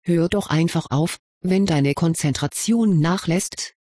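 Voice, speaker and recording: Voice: mid-range voice, takes it slowly, dark tone, dry recording. A reader voicing a dry-witted schoolboy wizard. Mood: reasoning, dry. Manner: level-headed, lightly ironic lecturing. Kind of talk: audiobook reading of fan fiction.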